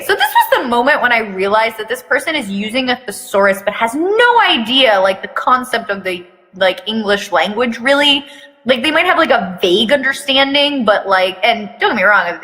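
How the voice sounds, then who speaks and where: In an echoey, reverberant room, a woman with a fairly high, sing-song voice gives a mock-dramatic reading of fan fiction, quick, bright and forceful. She keeps breaking off the theatrical performance for blunt, sweary, casual asides, acting as both reader and commentator.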